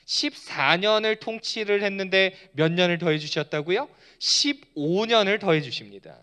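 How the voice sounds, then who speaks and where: A man's voice: sits high, lively intonation, normal speed, sharp tone. A male pastor preaching a Friday night sermon in a church, appealing to his congregation with rhetorical questions and earnest, emotive pleas. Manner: pleading, emotive preaching with rising intensity. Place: church sanctuary.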